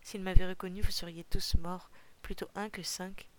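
A woman reading out a grave, blunt hunter, the eldest brother, in a storybook. His voice is low and gravelly and barely rises or falls. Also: little pitch movement, brisk, fairly bright tone, a little hiss or hum. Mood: thundering.

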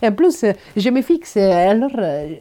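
A woman from Naples with an Italian accent, her native language, speaking as a podcast guest in an animated way, repeating words and hesitating often. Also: mid-range voice, a little slow. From Naples, Italy. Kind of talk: conversational interview.

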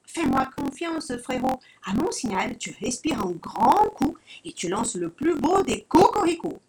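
A woman voicing a clever, plucky young hen girl who exclaims eagerly, in a children's storybook reading with soft music behind. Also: fairly high pitch, gravelly, voice pushed up, exaggerated voice. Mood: encouraging. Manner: bright, excitable, quick to exclaim.

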